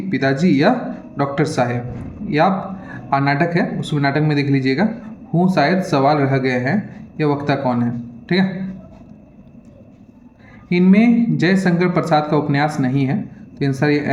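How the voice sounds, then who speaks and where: A man's voice: on the high side, a little mellow, slight background noise. A male teacher hurriedly reading exam questions aloud and explaining the answers to students, often checking in with them. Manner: repetitive, keeps checking in with "theek hai". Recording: echoey room, dull lo-fi sound.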